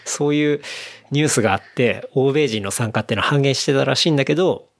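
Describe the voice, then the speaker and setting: A man's voice: mid-range voice, quick pace. A young man casually explaining a news story to a friend, with many fillers. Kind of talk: casual chat.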